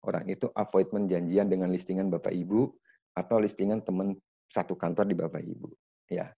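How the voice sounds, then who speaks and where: A man running an online sales training from home, explaining in a lively, chatty way and talking straight to the participants. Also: sits low, brisk, creaky. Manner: lively, chatty, addresses participants as Bapak Ibu. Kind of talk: online training talk over video call. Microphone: video call. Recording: dull, dry video-call audio.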